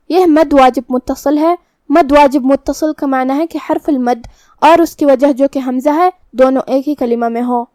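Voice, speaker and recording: A woman's voice: sits high, a little mellow, no room sound, clean studio sound. A woman teaching recitation rules in a methodical, step-by-step manner. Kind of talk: tajweed lesson explanation.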